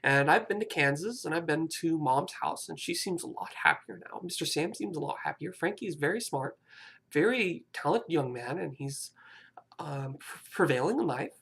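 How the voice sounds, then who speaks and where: 20ish vlogger rambling + apologizing, kinda husky, voice jumps around a lot. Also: medium pitch, expressive, moderate pace, a bit bright. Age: about 20. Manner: hesitant and apologetic, many fillers and restarts. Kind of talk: rambling personal confession to camera.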